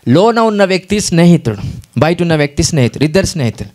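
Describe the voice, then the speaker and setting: A man's voice: on the high side, big pitch swings, fast talker, darkish tone. A man with a Telugu accent preaching a sermon, often calling out hallelujah and putting questions to the congregation. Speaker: pastor.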